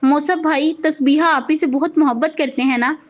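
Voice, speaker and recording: A woman's voice: high-pitched, fairly even intonation, normal speed, lo-fi sound, close to an everyday voice. A woman reading the lines of an earnest, curious young bride in a romance novel. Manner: earnest, questioning.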